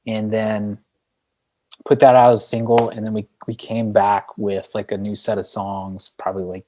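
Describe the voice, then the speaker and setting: An indie band frontman, appearing as a podcast guest, casually tells stories about his band, rambling and dropping plenty of "like" and "you know." His voice is on the low side, level and warm, moving at a normal speed.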